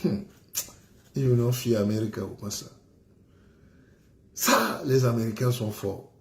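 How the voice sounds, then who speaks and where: A man's voice: mid-range voice, lively intonation, measured pace, gravelly, slight background noise. A man hosting a live stream, delivering rambling, joking rants in a casual monologue. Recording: roomy echo.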